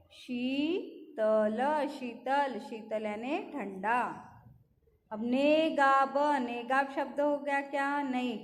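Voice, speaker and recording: Slow, high-voiced teacher in echoey room. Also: female voice. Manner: slow, drawn-out sounding of syllables and words; asks and answers her own questions. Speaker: primary school teacher. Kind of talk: Hindi lesson for young children.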